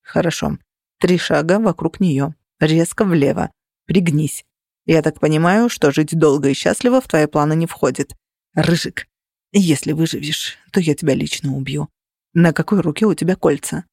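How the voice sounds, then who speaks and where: A woman puts on a bossy male navigator who hisses terse orders under his breath, sarcastic and fed up. His voice sits lower and quieter than the narration. The audiobook sound is close and dry. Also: normal speed, creaky, husky, no room sound. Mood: exasperated. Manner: terse whispered commands, weary sarcasm. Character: sardonic male mage navigator, exasperated and bossy.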